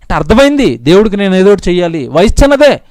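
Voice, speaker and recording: A man's voice: high-pitched, very animated, quick pace, a little mellow, no room sound, clean studio sound. A male pastor preaching a sermon in an impassioned, pleading way, repeating his lines over and over.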